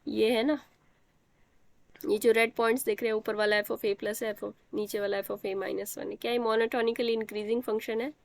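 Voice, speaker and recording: A woman's voice: fairly high pitch, flat delivery, normal speed, creaky, no echo. A young woman teaching a math class, explaining step by step and quizzing students as she goes. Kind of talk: live online math class.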